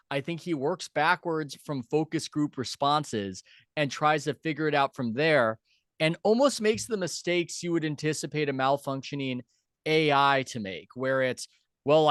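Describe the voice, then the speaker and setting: A man's voice: on the high side, dry recording, clean studio sound. A man hosting a sports talk show, arguing his opinions emphatically and changing his pace for stress. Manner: argumentative, emphatic, speeds up and slows down. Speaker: show host.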